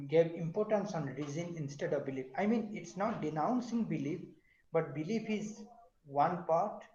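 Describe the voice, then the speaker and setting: A middle-aged professor lectures his class over a video call, pausing often on fillers as he quizzes his students. His voice sits a little high. The sound is echoey and dull, as from a computer mic in a bare room. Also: a little mellow. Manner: questioning students, many fillers.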